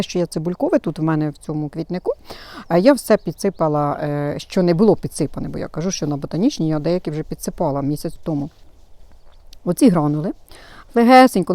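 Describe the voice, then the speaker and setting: Lady giving garden tips, mellow voice, lots of umms, dry close sound, outside by her flowers. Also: lowish voice, no room sound. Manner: chatty, explanatory, hesitant with many fillers. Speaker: gardening channel host. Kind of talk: casual gardening how-to. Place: outdoor flower bed in a garden. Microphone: self-filmed camera.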